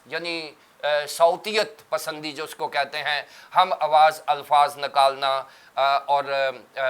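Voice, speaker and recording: A man's voice: fairly high pitch, sharp tone, smooth. A man, a pastor on a religious TV panel, explains terms step by step in a teacherly way.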